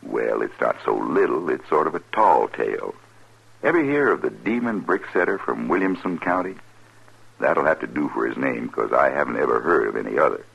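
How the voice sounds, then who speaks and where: An American man with a gravelly, husky voice, telling a folksy tall tale as a storyteller. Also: very deep voice, a bit bright. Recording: dull old radio recording.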